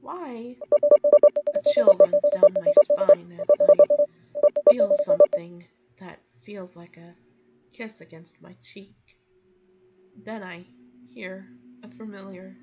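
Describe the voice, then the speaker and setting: Lively, slow-reading woman streamer. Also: on the high side, highs cut off, background noise. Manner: dramatic reading with casual asides. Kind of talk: reading a story game aloud on a live stream. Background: game music.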